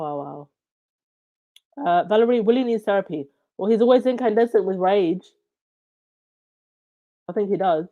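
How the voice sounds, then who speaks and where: A Zambian woman with a stuffy, runny nose hosts a casual livestream chat, responding to viewer comments in a mellow, medium-pitched voice with the highs cut off. She's chatty and reacts with quick laughs and "wow."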